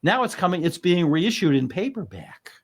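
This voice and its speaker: A man's voice: high voice, very animated, moderate pace. A man who is a lawyer hosting a true-crime channel, chatting casually on a video call with a rambling, emphatic manner and self-deprecating asides. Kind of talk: casual panel discussion.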